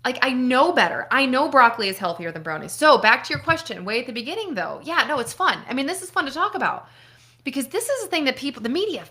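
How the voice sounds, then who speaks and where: High-pitched and sing-song, this Buffalo doctor talks fast with a sharp tone as she fields viewer questions on a casual live stream. The middle-aged upstate New Yorker laughs frequently and swears every so often.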